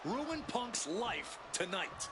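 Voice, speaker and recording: Color commentator for wrestling, male. High voice, dramatic and wordy, over loud arena noise. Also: very animated, takes it slowly.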